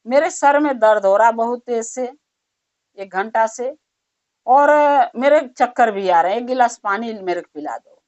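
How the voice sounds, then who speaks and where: A woman's voice: a little high, lively intonation, unhurried, a little mellow, no echo. A woman voicing a proud, stubborn older shopkeeper who speaks insistently. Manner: insistent, confident. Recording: dull lo-fi recording.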